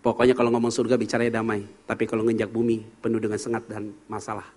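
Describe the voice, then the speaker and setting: A man's voice: lowish voice, flat delivery, fast talker, darkish tone, slightly rough. A man preaching as a pastor in a church service, telling frank, humorous stories and quizzing the congregation. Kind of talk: sermon.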